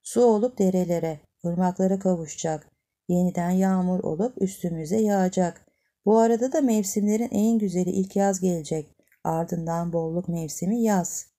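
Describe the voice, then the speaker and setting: A woman voicing a gentle, affectionate mother who patiently soothes her young son in a storybook. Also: lowish voice, steady tone, moderate pace, lightly acted. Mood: tender.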